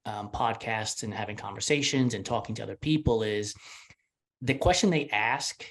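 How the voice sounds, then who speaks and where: A man's voice: on the low side, normal speed, creaky, a bit bright, slightly rough. A man speaking as a guest on a podcast, an entrepreneur telling stories about his business in an earnest, conversational way. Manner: earnest, storytelling. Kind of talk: casual interview chat.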